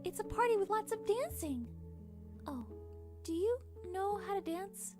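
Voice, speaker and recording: A woman plays a gentle young cartoon pony princess with a very high voice. The character is kind, earnest and shy, with faint music underneath. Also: animated, unhurried. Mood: kind, cheerful. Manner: soft-hearted, hesitant and earnest.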